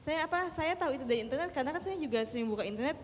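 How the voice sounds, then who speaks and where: A woman in the audience asking the speaker a question, halting and searching for words. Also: sits high, animated. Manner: halting, with many fillers and restarts. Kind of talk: hesitant question from the floor. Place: large hall with an audience. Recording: reverberant hall, faint background noise.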